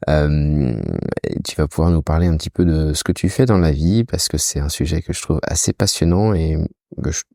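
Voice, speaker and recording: A man hosting a podcast interview, speaking haltingly with frequent fillers. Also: a bass voice, mellow, dry recording, clean studio sound. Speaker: podcast host. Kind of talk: casual interview.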